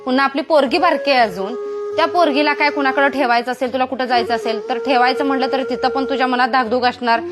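A woman playing a calm elder sister-in-law who patiently persuades a younger woman to keep the family together. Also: sits high, fast, natural voice. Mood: reasoning. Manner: patient, persuasive, gently lecturing. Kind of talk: domestic skit monologue. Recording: music playing under voice. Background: background music.

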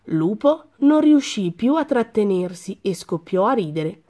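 Lady reading a bedtime story, lively and expressive, mid voice. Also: mid-range voice, a little slow. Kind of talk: children's story read-aloud.

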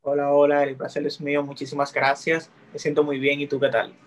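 On a video call from a small indoor room, a Dominican teen guest TikToker talks fairly quickly with a highish male voice and a Dominican Spanish accent. The interview is casual, and he comes across as relaxed, warm, and talkative.

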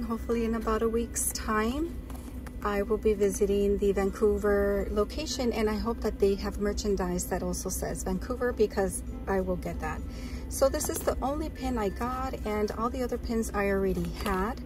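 A woman's voice: mid-range voice, rough recording. A woman talking chattily and with enthusiasm as she shows off her purchases in a casual vlog, recorded while sitting on her bed. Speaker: vlogger.

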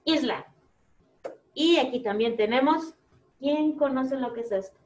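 Teacher, woman, high bright pitch, patient repeating delivery for small kids, dull lo-fi sound. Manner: slow, clear, repeating words for young children. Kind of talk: children's phonics lesson video.

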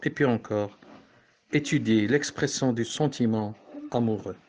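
A man's voice: medium pitch, measured pace, darkish tone, a little hiss or hum. A man from Morocco teaching a French poetry lesson, explaining step by step and correcting himself as he goes.

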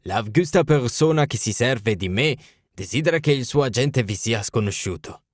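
A man's voice: mid-range voice, expressive, normal speed, dry recording, studio quality, natural voice. An Italian man reading an audiobook, voicing a towering masked foreign king who speaks with solemn, formal urgency. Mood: guarded.

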